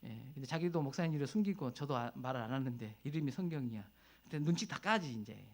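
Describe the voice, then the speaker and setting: A male pastor preaching a sermon, telling a personal story in a conversational way, rising to loud emotional peaks and dropping to near whispers. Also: mid-range voice, animated, fast talker.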